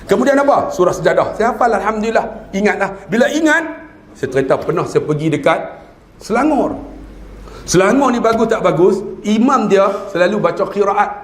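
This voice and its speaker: A man with a northern Malaysian Malay accent and a high-pitched voice delivers a jokey religious talk. He teases his listeners with questions and slips into imitations of other dialects. The sound rings in a reverberant hall. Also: lively intonation, brisk, a little hiss or hum. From northern Peninsular Malaysia. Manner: jokey, quizzes the audience, mimics regional dialects. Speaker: religious lecturer. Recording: echoey hall.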